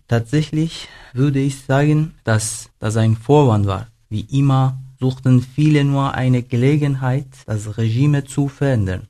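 A young man from Iran with an Iranian accent, a studio guest reading a prepared text in careful, measured learner's German. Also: medium pitch, warm tone. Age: young adult.

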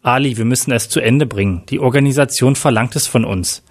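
A man's voice: mid-range voice, a little fast, husky, natural voice. A man voicing a ruthless male terrorist leader who gives orders in a commanding tone. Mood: urgent. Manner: commanding, urgent.

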